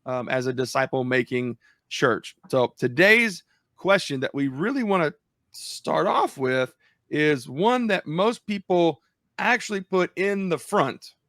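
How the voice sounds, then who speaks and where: A man's voice: fairly high pitch, a bit bright, dry recording. Laid-back chatty man, dry close mic. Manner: laid-back, chatty, enthusiastic about food. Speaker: podcast host. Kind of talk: casual podcast chat.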